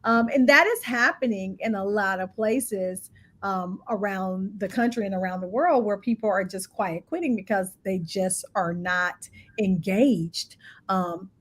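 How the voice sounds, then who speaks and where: A woman co-hosting a relaxed discussion, speaking with animated warmth and breaking into laughter now and then. Her voice sits in a middle pitch, and she keeps the talk going with frequent affirming murmurs. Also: unhurried. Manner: animated, laughs often, agrees with many "mm-hmm"s. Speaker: co-host of a discussion. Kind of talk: casual discussion.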